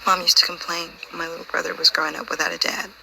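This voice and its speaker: A young daughter in a video game, wounded by grief and full of suspicion. Her voice is breathy and crackles with vocal fry, sharp and very bright, with faint noise behind it. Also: fairly low pitch, level tone, very fast, heavily acted. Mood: grieving. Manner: raw, wounded, probing. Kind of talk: video game dramatic acting.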